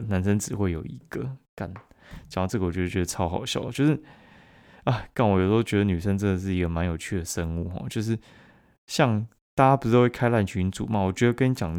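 A man with a Taiwanese Mandarin accent hosting a casual solo podcast, blunt and profane, laughing at his own stories and jumping louder and higher when he mimics other people. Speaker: podcast host.

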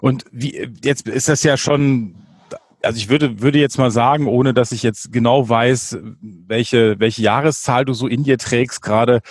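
A man hosting a conversational interview, repeating words haltingly as he forms his questions. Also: medium pitch, steady tone, husky, no room sound, clean studio sound. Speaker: podcast host, interviewer.

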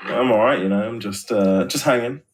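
A man's voice: fairly low pitch, a little fast, slight background noise. Laid-back man in casual podcast chat.

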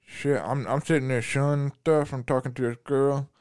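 Guy stumbling over his words and cussing on a podcast, normal-pitched voice. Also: steady tone, a little mellow, clear, resonant tone. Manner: halting, repeats words, swears. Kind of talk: casual chat.

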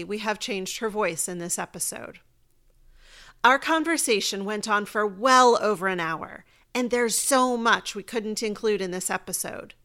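A woman's voice: on the high side, sharp tone. A woman hosting a podcast, giving scripted introductions and asking interview questions. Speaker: podcast host, intimacy coach.

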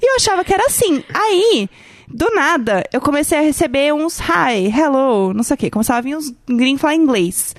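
A woman's voice: high-pitched, expressive, fast talker, no room sound, studio quality. A Brazilian woman co-hosting a podcast, telling a story in a chatty, casual way, full of fillers and the odd swear word. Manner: chatty, lots of fillers, swears when annoyed. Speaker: podcast co-host.

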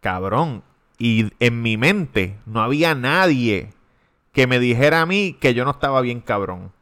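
A man's voice: medium pitch, expressive, a little slow, a bit bright, clean tone. A young man with a Puerto Rican accent telling his own story on a casual podcast, swearing and laughing often. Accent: Puerto Rican Spanish. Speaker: podcast host.

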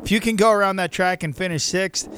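A man's voice: high-pitched, quick pace, fairly bright tone, a little hiss or hum. A man co-hosting a radio interview, wisecracking and chuckling. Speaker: radio co-host.

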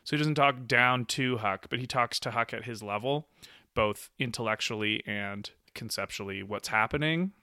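A man's voice: medium pitch, moderate pace, bright, forceful tone, dry recording, clean studio sound. A man in a casual book discussion, enthusiastic, often laughing and acting out quoted lines. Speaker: discussion co-host.

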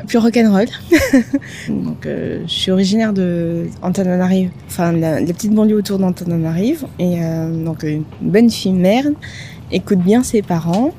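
A woman in her thirties who grew up in Madagascar, telling her path as an interview guest in a lively way, with fillers. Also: mid-range voice, a little slow, slight background noise. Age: 30s. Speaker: podcast guest. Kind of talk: casual interview talk.

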